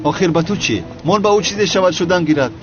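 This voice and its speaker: A man's voice: sits high, expressive. An actor dubbing a police commissioner who scolds an unruly younger man. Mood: exasperated. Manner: scolding, exasperated. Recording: dull lo-fi with loud music.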